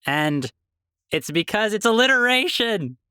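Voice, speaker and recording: A man hosting a podcast in casual chat, playful and upbeat, quick with jokes. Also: high-pitched, very animated, pushed and bright, clear, resonant tone, no echo, clean studio sound. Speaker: podcast host.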